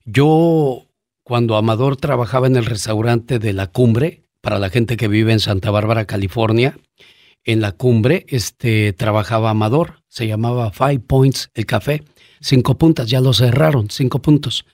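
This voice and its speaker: A man's voice: mid-range voice, no room sound, studio quality. Guy on an interview show, earnest, tells stories, lots of fillers. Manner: warm storyteller, earnest, pauses with fillers. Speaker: guest. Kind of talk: casual interview storytelling.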